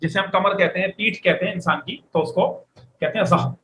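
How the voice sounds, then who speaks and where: A man teaches Arabic words in a classroom lecture, in a room with students and a board. He drills the vocabulary and has students repeat it, his high voice fairly quick, bright and forceful. The echoey room carries faint background noise.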